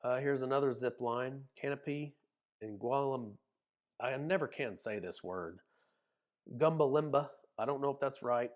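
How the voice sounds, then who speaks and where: A man's voice: mid-range voice, brisk, hardly any pauses. A man with an Oklahoma accent, casually narrating a screen walkthrough in a folksy, chatty way. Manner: folksy, chatty, says y'all. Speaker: cruise vlogger.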